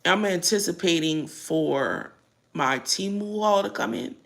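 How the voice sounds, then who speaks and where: A woman's voice: lowish voice, a little slow, vocal fry. A middle-aged American woman chatting casually and bluntly in a rambling vlog while she eats, her mouth sometimes full. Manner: blunt, earthy. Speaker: vlogger.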